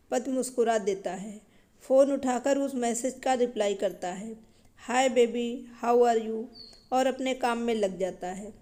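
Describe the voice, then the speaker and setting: A woman telling a moral story in calm, even scripted narration. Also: on the high side.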